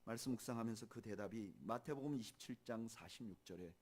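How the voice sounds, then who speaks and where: A man preaching a sermon as pastor, swinging from loud, emphatic lines to soft, hushed ones, and slowing down to read scripture aloud. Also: on the low side. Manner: slow measured reading of scripture with the congregation. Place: church sanctuary.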